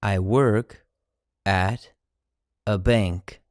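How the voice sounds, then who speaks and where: An English teacher speaking phrases slowly in chunks and repeating each one. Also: low voice, steady tone, no echo, studio quality. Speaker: language teacher. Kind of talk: slow drill of English phrases.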